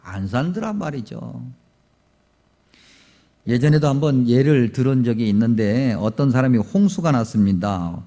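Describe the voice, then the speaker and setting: A man's voice: medium pitch, lively intonation, normal speed, mellow. A man preaching a Sunday sermon as pastor, telling stories and asking the congregation questions. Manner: storytelling, asks the congregation questions. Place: church sanctuary. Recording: long church reverb.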